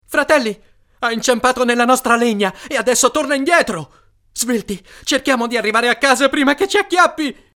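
A woman doing an urgent, bright young boy. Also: a little high, a little fast, pitched above the performer's own voice, lightly acted. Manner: urgent, shouting. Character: brave eldest farm boy urging his brothers on.

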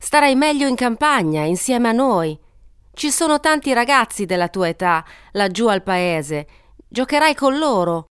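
A woman's voice: lowish voice, a little slow, hardly any pauses, clean tone, no echo, clean studio sound, natural voice. A woman playing a kindly, childless peasant wife who soothes and coaxes a crying girl in an audiobook. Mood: soothing. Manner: soothing, coaxing.

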